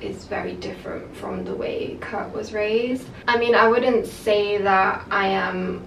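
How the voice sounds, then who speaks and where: A half-Japanese young adult who grew up in the UK vlogs casually and candidly, using many fillers. Her voice sits at medium pitch, steady in tone and unhurried. The recording is noisy and reverberant, taken on a camera mic set far away.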